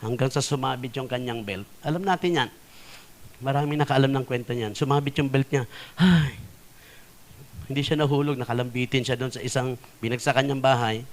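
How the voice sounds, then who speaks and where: A man's voice: mid-range voice, fairly even intonation, quick pace. A man with a Filipino accent preaching a sermon as a pastor, telling stories and often asking the congregation "Amen?" as he slips between languages. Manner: storytelling preacher, mixing English phrases, frequent "Amen?" to the congregation. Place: church.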